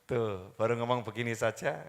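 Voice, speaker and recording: Speaking at normal speed in a mid-range voice, a man gives an Islamic sermon before a live audience. He quizzes his listeners, repeats important words, and chants Arabic quotations while slipping in Javanese phrases, all echoing with long hall reverb.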